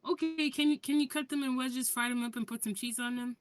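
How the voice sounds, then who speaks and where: A woman playing a tabletop game, talking softly and casually. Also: sits high, steady tone, a little fast. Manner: soft-spoken, casual. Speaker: player.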